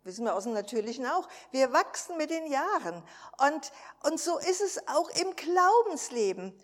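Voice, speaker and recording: A woman's voice: high-pitched, sing-song, normal speed, big-room sound. A woman preacher giving an emphatic sermon, often asking her listeners for assent.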